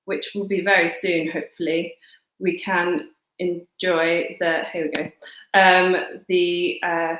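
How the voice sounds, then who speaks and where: Woman giving a zoom talk, lots of ums and uhs, pretty flat voice, echoey room. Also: lowish voice. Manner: halting, many fillers and restarts. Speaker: guest lecturer. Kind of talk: online seminar presentation.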